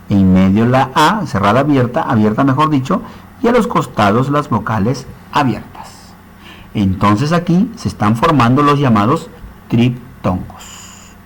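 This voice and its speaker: A man's voice: medium pitch, slightly rough, rough recording. A man teaching a recorded grammar lesson, explaining step by step and often checking in with short tag questions.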